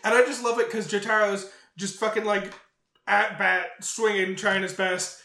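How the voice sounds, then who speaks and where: A man's voice: sits high, level tone, moderate pace, bright, forceful tone, echoey room. A young man on a podcast recapping an anime with blunt, profane, exaggerated retellings. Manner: swears freely, exaggerated retellings. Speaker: podcast co-host. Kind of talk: casual chat recapping an anime.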